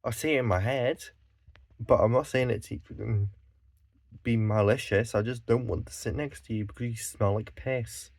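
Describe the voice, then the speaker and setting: A man's voice: mid-range voice, normal speed, vocal fry, darkish tone. A Scottish man delivering a blunt, profane monologue, exasperated, sighing and correcting himself as he goes. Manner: swears a lot, blunt and exasperated, with sighs and self-corrections. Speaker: vlogger.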